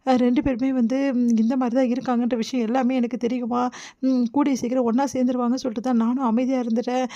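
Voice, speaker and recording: Soothing elderly grandfather, played by a woman narrator; soft, mellow voice. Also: a little high, little pitch movement, quick pace, dry recording, dull audio, natural voice. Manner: gentle, reassuring.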